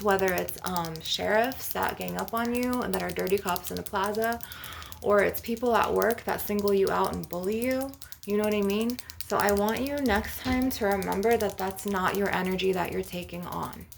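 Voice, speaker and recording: This spiritual ASMR video features a female healer with a gravelly, medium-pitched voice, recorded with a little hiss or hum. Her manner is casual and emphatic, full of "you know" and other fillers, plus some swearing aimed at her audience.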